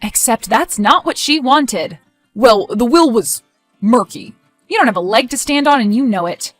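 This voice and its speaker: A woman playing a skeptical, sharp-tongued adult daughter in scripted story dialogue, expressive and conversational. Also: fairly high pitch, moderate pace, dry recording, soft background music. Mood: accusing.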